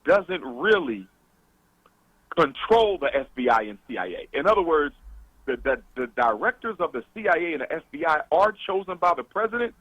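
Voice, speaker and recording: A man's voice: fairly high pitch, big pitch swings, normal speed, fairly bright tone, breathy edge, no echo, muffled recording. A man calling in as a guest to a radio talk show, lecturing emphatically over a call-in line.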